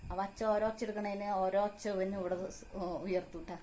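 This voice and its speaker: A mother with a Kerala Malayalam accent, talking in a home vlog. She coaxes her young son in a sing-song voice and calmly explains things to the viewers. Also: medium pitch, fast, a little hiss or hum. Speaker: mother of the vlog's child. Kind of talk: casual home vlog talk with her child.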